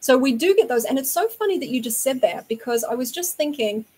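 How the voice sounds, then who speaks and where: New Zealand woman, interview guest, earnest and flowing, breathy and a touch high. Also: lively intonation, fairly quick, a little mellow, poor audio. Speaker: guest from a vegan community. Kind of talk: casual interview talk.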